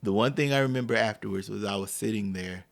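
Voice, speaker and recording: A man's voice: on the low side, quick pace, creaky. A man hosting a podcast, telling a personal story and acting out the quotes. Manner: animated, acts out quotes. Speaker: podcast host.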